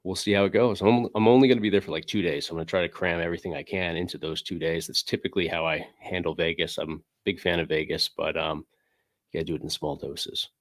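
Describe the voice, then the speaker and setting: Talking fast in a low-pitched, steady tone, a man hosts a relaxed livestream from his game room, the sound dry and studio-clean via a desk microphone. He's recovering from a cold, sniffling, and his speech rambles with plenty of fillers as he reads the chat aloud.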